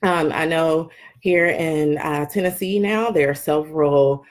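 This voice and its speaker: A woman doctor giving a live health update from her wellness clinic, calm and explanatory, often pausing with um. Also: low-pitched. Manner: calm, explanatory, with frequent ums.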